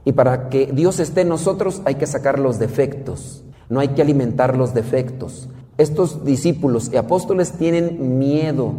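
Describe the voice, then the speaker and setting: Mexican priest giving a homily, mellow easygoing voice, folksy, big reverb. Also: male voice, medium pitch, moderate pace, hardly any pauses. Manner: folksy preaching with jokes and rhetorical questions. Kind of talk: sermon.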